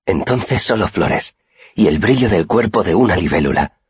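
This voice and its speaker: A shy, whimsical young woman with a husky, breathy softness, full of childlike wonder, put on by a man raising his voice. The audiobook reading is dry and close. The sound is slightly muffled and dull. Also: sits low, lively intonation, normal speed, no echo, pitched above the performer's own voice, exaggerated voice. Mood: dreamy.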